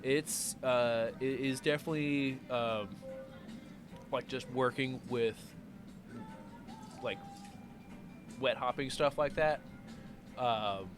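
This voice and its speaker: A man's voice: mid-range voice, takes it slowly, long pauses. A man, a brewer guest on a podcast, talking casually and hesitantly with lots of "like" and "um". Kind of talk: casual chat. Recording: music clearly in the background.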